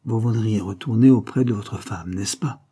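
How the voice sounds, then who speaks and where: A man's voice: lowish voice, normal speed, dark tone, slightly rough. A man reading an audiobook, voicing a scornful, domineering creole woman who talks in a cold, mocking tone. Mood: commanding. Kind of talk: audiobook character voice.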